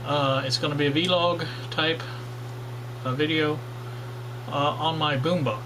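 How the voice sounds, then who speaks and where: Background noise accompanies a man whose voice is on the high side, steady in tone and measured in pace. He hosts a relaxed workshop vlog on old radios for his hobbyist channel, rambling with frequent fillers and restarts.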